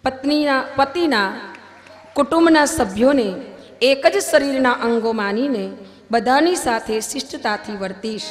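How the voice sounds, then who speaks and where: At a religious gathering, a woman officiates a wedding, reciting vows and preaching emphatically, her voice swelling louder on key points. It sits high and moves a little slowly, with long hall reverb and faint music in the recording.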